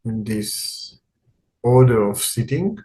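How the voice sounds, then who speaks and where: Speaking in a mid-range voice, a man guides a meditation in short phrases with long pauses, keeping a calm, unhurried pace throughout.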